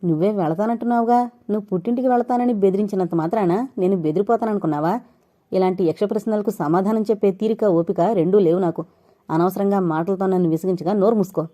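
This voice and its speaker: A woman narrator voicing an angry young husband who drinks, shouting curt replies at his wife in an audio novel. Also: medium pitch, fast, natural voice.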